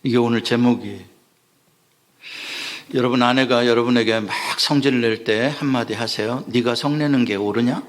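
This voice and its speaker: A man's voice: mid-range voice, steady tone, moderate pace. A man preaching a Sunday sermon as pastor, asking the congregation questions and acting out the lines he quotes. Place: church sanctuary.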